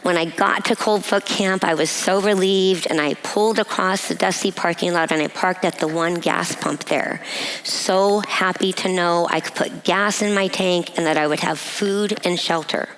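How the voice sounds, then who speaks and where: A woman giving a personal testimony at a women's breakfast, telling a story in a measured way and laughing often. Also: lowish voice, fairly even intonation, fairly bright tone, rough recording. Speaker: guest speaker. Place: event hall.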